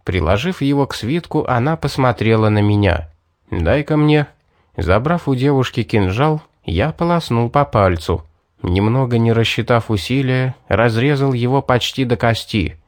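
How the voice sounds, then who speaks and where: A man reading a first-person fantasy audiobook in an even, measured narrating voice. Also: mid-range voice, dry recording, studio quality.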